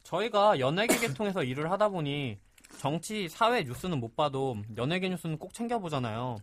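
A man's voice: fairly high pitch, fairly quick, a little hiss or hum. A man hosting a casual podcast, introducing segments and guests. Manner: lively, steering the talk with introductions. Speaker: podcast host.

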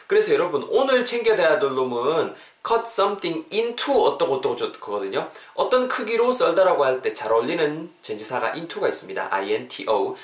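A young man, hosting a podcast English lesson in a lively, chatty way and repeating phrases slowly for practice. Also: a little high. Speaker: English teacher and podcast host. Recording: roomy echo.

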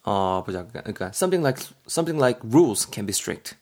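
A man's voice: lowish voice, sing-song, darkish tone. Gyeongsang-accented man teaching English vocabulary. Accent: Gyeongsang Korean. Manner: spells words letter by letter and repeats them; reads English example lines slowly and carefully. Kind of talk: podcast vocabulary lesson.

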